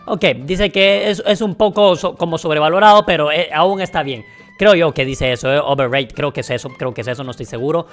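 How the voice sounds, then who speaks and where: A man reacting to a video game in casual, excitable commentary that he talks straight to his viewers. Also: fairly high pitch, a little fast, soft background music. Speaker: gaming video creator.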